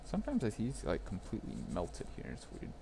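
Young dude live streaming phone repair, rambly and laughy, bit of faint noise behind. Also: male voice, fairly low pitch, huge pitch swings, quick pace, vocal fry. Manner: chatty, rambling, greets chat viewers, laughs often. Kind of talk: casual live-stream chat while working. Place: repair shop workbench.

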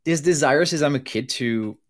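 A man in his thirties from Belgium, a podcast guest telling his life story with lively laughs, on a video call with a desk mic. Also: a little high, moderate pace. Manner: animated, laughs often, gestures while talking. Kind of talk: conversational storytelling. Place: home room with plain blue wall.

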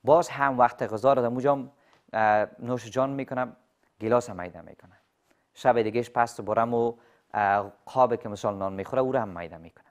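Male TV English teacher, mid-pitched, asks rhetorical questions, repeats examples slowly. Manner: quizzes viewers with rhetorical questions. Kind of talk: TV English lesson in Dari.

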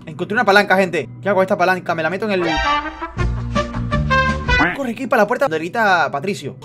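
A young man giving excited gameplay commentary, shouting when startled. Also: sits high, quick pace. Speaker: gamer streamer. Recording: voice over game music.

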